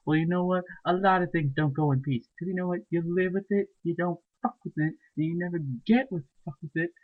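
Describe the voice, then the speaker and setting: A man's voice: high voice, steady tone, brisk. Profane ranting man, tinny phone-like sound. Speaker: storyteller. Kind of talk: comedic ranting monologue.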